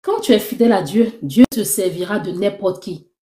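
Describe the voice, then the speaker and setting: A young woman giving a lively personal faith testimony, acting out the conversations she tells. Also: medium pitch, a little fast. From Ivory Coast. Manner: animated storytelling, acting out dialogue. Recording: roomy echo.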